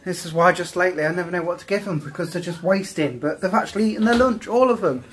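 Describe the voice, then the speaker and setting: A man vlogs casually from a small home kitchen and living room, rambling in an easygoing way about feeding his kids. His voice is high-pitched and fast, recorded on a phone held at arm's length, with poor audio and slight background noise.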